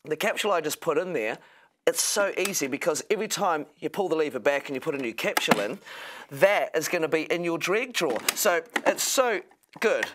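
Higher-voiced male home shopping host. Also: expressive, brisk, background noise. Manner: upbeat sales patter, step-by-step explaining. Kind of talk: home shopping product demonstration. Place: TV studio kitchen set, indoors.

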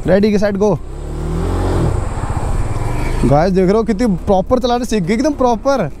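Young guy vlogging on a bike, really high voice, teasing chatty, faint street noise behind. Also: animated, normal speed. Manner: playful, teasing, addresses viewers constantly. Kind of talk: casual vlog chat. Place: outdoors on a motorbike and in the street.

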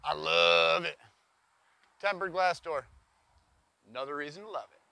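Guy in his 40s showing off a trailer, high bright voice, dry close mic. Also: measured pace, creaky, dry recording. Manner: enthusiastic, pointing things out as he walks. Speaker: trailer reviewer. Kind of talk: walkaround product tour. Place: inside and around a cargo trailer on an outdoor lot. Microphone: lapel mic.

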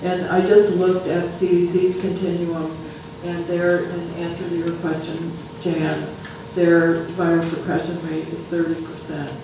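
Captured from a distance in a noisy, echoey large meeting room, a speaker presents data to a health planning council. The medium-pitched voice is completely flat, and the delivery is halting, with sentences restarted again and again.

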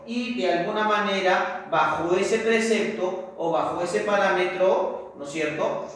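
Guy teaching a lesson, keeps asking correcto, boomy echoey room, sounds far from the mic. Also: a bit bright. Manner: explains step by step, ends phrases with "¿correcto?". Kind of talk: recorded classroom lesson.

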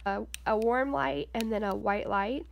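Young mom vlogger, stuffy nose, some vocal fry, rambly and chatty, mid pitch. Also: female voice, very animated, a little slow, slight background noise. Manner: chatty, rambling with many ums and likes. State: stuffy-nosed. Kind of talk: casual home vlog. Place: bedroom at home.

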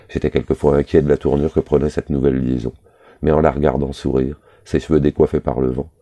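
A man reading a novel aloud in a measured, even storytelling manner. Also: very deep voice. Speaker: audiobook reader.

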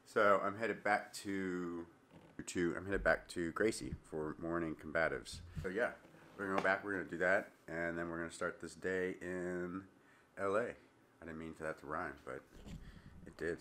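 With a handheld action camera at arm's length, a thirty-something vlogger records himself casually in a hotel room and a parked car. He speaks in a low-pitched voice, rambling and relaxed, dropping frequent ums, against slight background noise.

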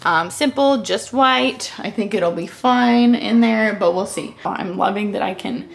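Chatty young woman with gravelly fry. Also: mid-range voice, measured pace. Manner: chatty and upbeat, laughs easily. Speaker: vlogger. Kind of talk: casual home tour chat. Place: bathroom of a new house.

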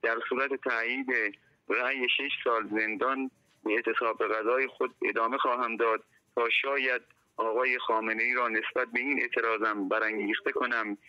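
A man's voice: mid-range voice, little pitch movement. Man leaving a solemn phone voice message. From Iran. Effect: voice message left over a prison phone line. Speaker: imprisoned teacher making a statement. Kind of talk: formal read-out statement. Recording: dull lo-fi phone line.

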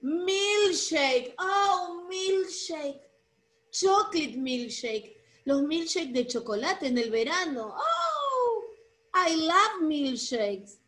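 Slow singsong woman teaching English. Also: high-pitched, expressive, fairly bright tone. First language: Spanish. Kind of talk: bilingual children's English lesson.

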